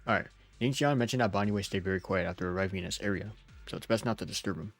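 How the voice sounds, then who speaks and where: Game music plays behind a man whose low voice races through casual live commentary on his stream. Though he's not feeling well, he stays talkative, laughing frequently and swearing offhandedly as he reads story summaries aloud.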